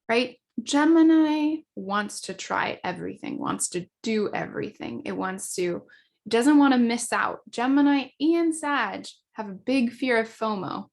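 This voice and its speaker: A woman astrologer giving a casual explanatory talk, quick and chatty, with fillers and self-corrections. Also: a little high. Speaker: astrologer teaching a class.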